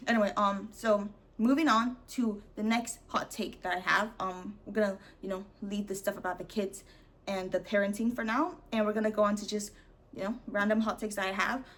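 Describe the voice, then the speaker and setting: A woman's voice: medium pitch, steady tone, fairly quick, a bit bright. A woman giving blunt hot takes in a casual monologue to camera, sassy and mocking, calling the viewer "babes" and laughing often. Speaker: vlogger sharing opinions.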